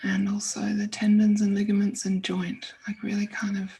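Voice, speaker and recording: A woman guides a relaxed meditation at a calm, unhurried pace, her medium-pitched voice breathy and dark. Her delivery is completely flat, and she frequently trails off toward a whisper.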